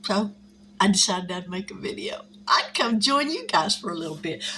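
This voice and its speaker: A woman's voice: medium pitch, lively intonation, moderate pace, bright, forceful tone, a little hiss or hum. A woman, chatting casually at home as host of her savings channel, folksy and friendly with her viewers. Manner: chatty, folksy, says y'all. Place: at home, indoors.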